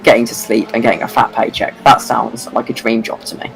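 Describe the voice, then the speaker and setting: A man's voice: mid-range voice, little pitch movement, brisk, vocal fry, a bit bright, faint music behind, poor audio. A sleep-deprived man commentating an online endurance race, rambling and self-deprecating. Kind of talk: sim racing commentary.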